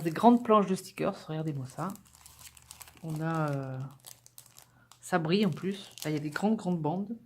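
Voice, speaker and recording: A woman's voice: on the low side, a bit bright, a little hiss or hum. A woman vlogger chatting casually to camera as she unpacks a craft-supply haul, upbeat and full of little fillers. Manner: chatty and enthusiastic, with many fillers.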